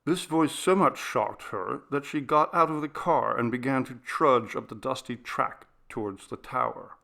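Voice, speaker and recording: A man narrates a literary ghost story as an audiobook, measured and dramatic in delivery. His mid-range voice is gravelly, pushed and bright.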